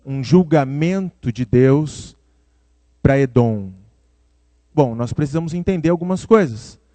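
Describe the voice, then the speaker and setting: A man's voice: fairly high pitch, mellow, dry recording. A man with a Brazilian Portuguese accent preaching a sermon in a conversational way, speaking to his listeners by name. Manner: conversational, addresses listeners by name, acts out quoted voices.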